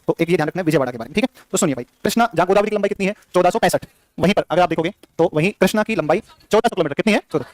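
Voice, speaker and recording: A man teaching geography in a live class, firing quick questions at students and repeating the answers, with playful scolding. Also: sits high, no room sound.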